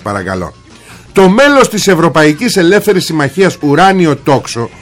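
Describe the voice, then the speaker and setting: A male host delivers satirical political commentary in a voice pitched somewhat high. He talks sarcastically and bluntly and drops crude insults along the way. Faint music plays behind him. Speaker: talk show host.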